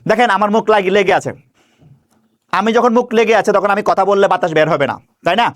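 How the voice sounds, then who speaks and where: A man teaching grammar, asking questions and answering them himself and slowly stretching out example words. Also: sits high. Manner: stretches words slowly when demonstrating pronunciation. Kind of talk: classroom-style grammar lesson.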